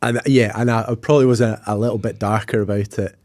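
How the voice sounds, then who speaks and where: Scottish man, low voice, chatty guest. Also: fairly even intonation, fast talker, a little mellow, no room sound, studio quality. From Scotland. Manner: chatty, self-deprecating, with frequent fillers. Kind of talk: casual podcast interview.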